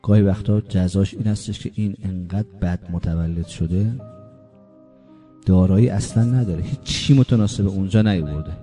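Male preacher, sermon delivery, dark mellow tone, rhetorical and dynamic, faint music bed. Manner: rhetorical questions, swings from loud emphasis to low hushed asides. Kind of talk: religious sermon.

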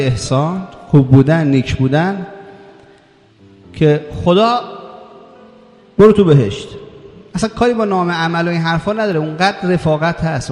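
Slightly high-voiced man preaching in an echoing hall. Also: darkish tone. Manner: recites Arabic scripture, poses rhetorical questions. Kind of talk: religious sermon. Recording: echoey hall with faint music.

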